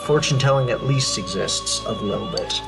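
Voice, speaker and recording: A man's voice: medium pitch, moderate pace. A man hosting a let's play, giving casual, musing commentary with offhand asides. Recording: loud game music behind voice.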